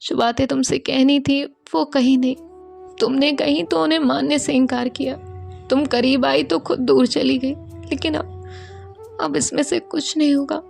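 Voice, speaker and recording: A woman voicing a tender young woman who soothes her lover in a soft, hushed, half-whispered voice. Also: high-pitched, steady tone, measured pace, vocal fry, faint music behind, pitched above the performer's own voice. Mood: soft soothing.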